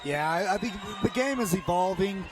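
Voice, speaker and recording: A man's voice: sits high, lively intonation, normal speed, a crowd in the background. A man giving casual live sports commentary as a co-commentator at a fight. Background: music.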